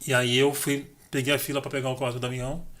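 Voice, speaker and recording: Fast-talking São man telling stories. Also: medium pitch. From Brazil. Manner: animated, acts out dialogue in his stories. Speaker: podcast guest. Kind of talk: casual storytelling.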